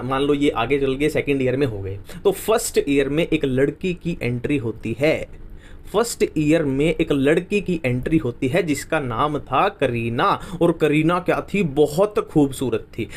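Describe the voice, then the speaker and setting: A young man teaching chemistry with a slightly raised pitch. He tells a memory story in a lively way, often asks a question and answers it himself, and says key phrases twice. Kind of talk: exam-prep lecture.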